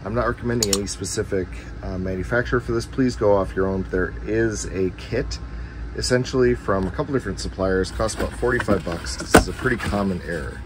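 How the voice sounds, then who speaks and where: Down in a noisy home basement by the furnace, a man whose voice sits on the low side hosts an informal DIY video and explains the repair one step at a time at a fairly quick pace. A handheld camera's microphone captures it, furnace-room noise included.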